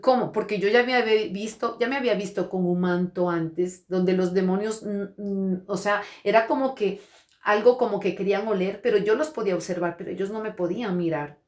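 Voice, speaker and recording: A woman's voice: medium pitch, fairly quick, a little mellow. A woman pastor giving an earnest testimony sermon. She often hesitates, restarts and repeats words, and she speaks straight to her listeners. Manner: earnest preaching, addresses listeners directly. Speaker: pastor and prophet. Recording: roomy echo.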